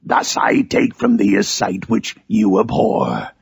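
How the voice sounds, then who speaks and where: A man voicing a wretched, eloquent monster in a Gothic novel, pleading with theatrical, archaic passion in a gravelly, raspy voice. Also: lowish voice, sing-song, takes it slowly, dry recording, studio quality, pitched below the performer's own voice, full character voice. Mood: solemn, insistent. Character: wretched, eloquent, vengeful male monster pleading with his creator. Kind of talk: dramatic reading of a Gothic novel.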